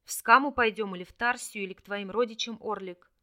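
A woman's voice: medium pitch, brisk, pushed and bright, natural voice. A woman voicing a grim, terse young male hero in an audiobook.

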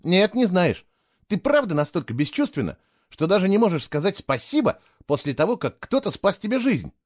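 A man's voice: high voice, sing-song, normal speed, a little mellow, pitched above the performer's own voice. A man voicing an indignant young man, a stranger in a strange world, speaking in an irritated, insistent way.

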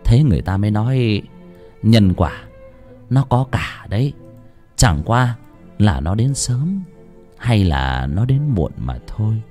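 A man narrating a folk tale in an expressive way. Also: lowish voice, takes it slowly, pauses often, faint music behind. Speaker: storyteller. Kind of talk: dramatic story narration.

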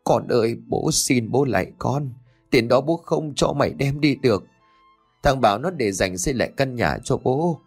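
A man's voice: mid-range voice, normal speed, husky, faint music behind. A man voicing a frail, begging old father. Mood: desperate pleading. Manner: trembling, begging.

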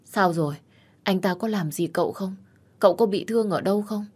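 A woman voicing a worried, protective young female best friend who fusses and scolds gently in an audio story. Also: medium pitch, brisk, slightly rough, voice pushed up, lightly acted. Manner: fussing, scolding, caring.

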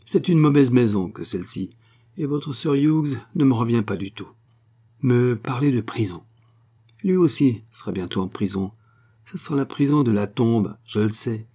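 A man's voice: medium pitch, lively intonation, moderate pace, mellow, breathy edge. A man voicing a scheming foreign woman spy, brazen and wheedling. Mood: scornful.

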